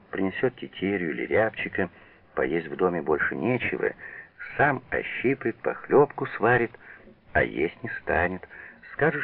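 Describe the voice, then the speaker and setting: A man narrating a novel in a measured, expressive reading over a tinny old radio broadcast. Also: sits low, vocal fry, breathy edge.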